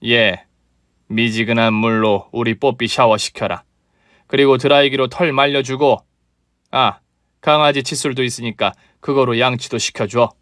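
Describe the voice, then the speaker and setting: A man's voice: medium pitch, moderate pace, fairly bright tone, dry recording, close to an everyday voice. A domineering older mother-in-law, voiced by a male reader, barking orders and scolding in a commanding tone. The reading is dry and close, in a storybook drama. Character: bossy newly rich older mother-in-law, haughty and scolding.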